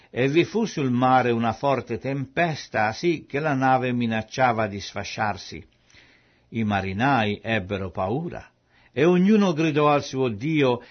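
A man giving a solemn, measured scripted Bible reading, on a dull lo-fi recording. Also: medium pitch. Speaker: scripture reader.

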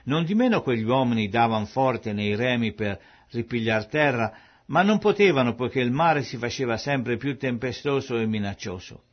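A man reads scripture aloud in a solemn, measured manner. His voice sits at an ordinary male pitch. The recording sounds dull and lo-fi. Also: expressive. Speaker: scripture reader. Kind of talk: scripted Bible reading.

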